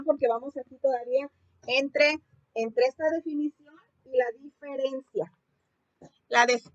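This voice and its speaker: A woman teacher explains a music lesson to her students online, in a clearly high voice. She talks through her material step by step, restarting her phrases and filling her pauses. The recording is close and dry, with no room sound. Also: a bit bright, dry recording. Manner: explanatory, many fillers and restarts.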